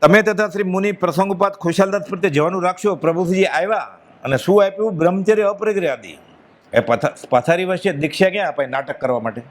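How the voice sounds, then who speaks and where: High-voiced and quick, this Gujarati-accented man presents a devotional discourse with earnest emphasis, his voice sinking whenever he quotes someone else.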